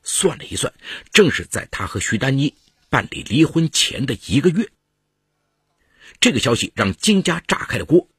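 A man narrating a real legal case as a scripted story, telling it in a dramatic, expressive way. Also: medium pitch, slightly rough, no room sound, studio quality.

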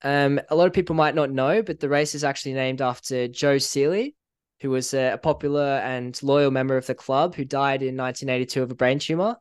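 A man's voice: mid-range voice, fairly quick, clear, resonant tone, no echo. Man, Northern Irish accent, casual podcast chat, clean resonant voice, dry close sound. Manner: relaxed, chatty, with frequent fillers and small laughs. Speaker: podcast co-host.

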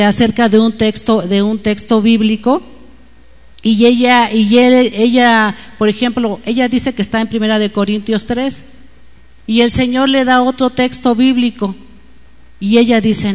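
A woman's voice: a little high, steady tone, a little slow, in a large hall. A woman with a Mexican accent giving an informal, confiding devotional talk to women, often checking in with "¿no?". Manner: chatty, confiding, frequent tag questions. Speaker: women's Bible teacher.

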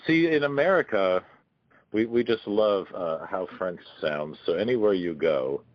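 A man hosts the interview with a low voice that swings up and down as he asks friendly, curious questions. The sound is somewhat dull and muffled. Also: expressive, unhurried, no echo. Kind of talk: casual interview chat.

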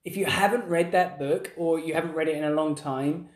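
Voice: mid-range voice, a little fast, reverberant. An English speaker co-hosting a casual chat, thinking aloud and often restarting sentences. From England. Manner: reflective, restarts sentences, exclaims in surprise. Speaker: podcast co-host.

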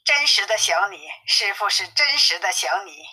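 A woman's voice: mid-range voice, sing-song, normal speed, pushed and bright, husky, exaggerated voice, rough recording. A woman reading the lines of a greedy, pleading male pig monk in an audiobook story, in a coaxing manner.

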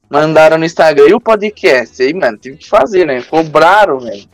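A man's voice: on the high side, expressive, moderate pace, soft background music. A young man with a Brazilian accent hosting a casual podcast chat, telling jokey stories full of slang and laughing often. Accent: Brazilian Portuguese. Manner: joking storyteller, laughs often, heavy slang. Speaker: podcast host.

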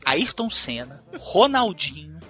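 A man from Brazil telling a wild story in a casual, profane and animated way, acting out what people said. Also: on the high side, slow, breathy edge, faint music behind. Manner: profane, animated storyteller who acts out quotes. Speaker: podcast host.

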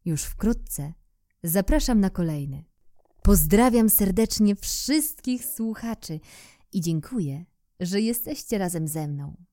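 A woman storyteller reading a children's book aloud in a warm, expressive, unhurried way. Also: mid-range voice.

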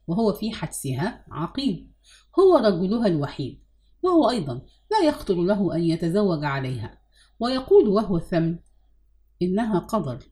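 A woman reading a novel aloud in measured narration, announcing the chapter numbers. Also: mid-range voice, mellow. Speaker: audiobook narrator.

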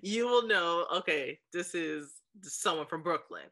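A woman in her thirties with a slightly low, bright voice, talking slowly and deliberately as a podcast co-host. She chimes in often with quick agreement. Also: lively intonation, slight background noise. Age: 30s. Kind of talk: casual chat.

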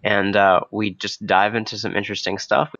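A young man hosting a casual, spontaneous podcast with a hoarse, froggy voice from a cold, talking in a hesitant, unscripted way. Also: fairly low pitch, level tone, moderate pace, heavy background noise. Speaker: podcast host. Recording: dull, lo-fi close recording.

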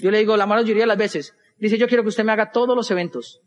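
A man's voice: sits high, in a large hall. A young man with a Colombian Spanish accent, telling a stand-up story and acting out the other voices. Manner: animated, acts out dialogue with quick voice switches. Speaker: stand-up comedian.

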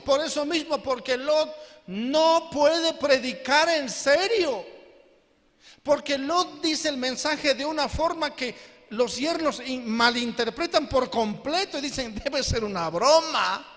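A male pastor preaches and keeps checking with his listeners, asking again and again whether they follow him. His voice is strikingly high for a man. A long hall reverb hangs on his words. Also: expressive, unhurried, a bit bright. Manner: asks the congregation questions again and again. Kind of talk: sermon.

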